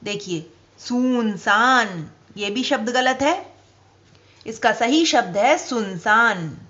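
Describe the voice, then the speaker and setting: A woman teacher giving a spelling lesson to children, speaking slowly and deliberately and stressing each example word. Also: on the high side, lively intonation, muffled recording.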